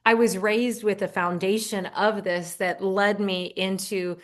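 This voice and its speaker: A medium-pitched, fairly even female voice talks unhurriedly. The speaker is a middle-aged woman, a podcast guest and host of her own show, conversing casually and earnestly in affirmations while frequently restarting sentences.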